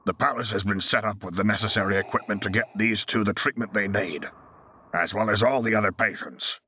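A man voicing a brisk senior medic woman, dry and wry, giving orders calmly. The voice stays low for a woman's part. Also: slight background noise.

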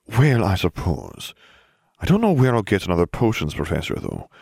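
A man voicing a mild, hesitant elderly headmaster in a storybook reading, musing and unhurried. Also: low-pitched, wildly swooping pitch, creaky, a little mellow, husky, no echo, exaggerated voice.

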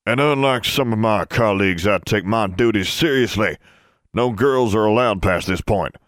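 A pompous old wizard in a painting, prim and prudish, scolding in a pinched nasal voice, put on by a man. He pitches up well above a low natural voice. The sound is close and dry. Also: normal speed, no echo, natural voice. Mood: indignant. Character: fussy pompous old male wizard portrait.

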